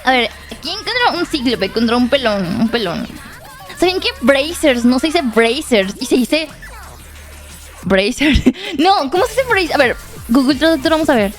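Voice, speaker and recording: A young woman giving casual gameplay commentary, laughing often, shouting at the game and reading pickup lines aloud. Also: sits high, very animated, moderate pace, music in the background. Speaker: streamer.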